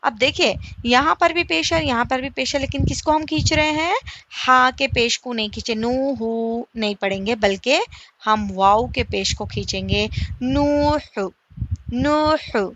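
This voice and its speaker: A woman teaching a slow recitation lesson. She asks her listeners questions, answers them herself, and stretches the example vowels out slowly. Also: on the high side, bright, forceful tone, highs cut off, a little hiss or hum. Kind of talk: slow step-by-step tajweed lesson.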